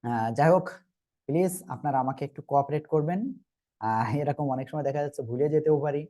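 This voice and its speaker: With a fairly high-pitched, dark-toned voice and a fast delivery, a man teaches Arabic letters in a Quran reading lesson. His accent is Bangladeshi Bengali, and he patiently repeats material and checks understanding.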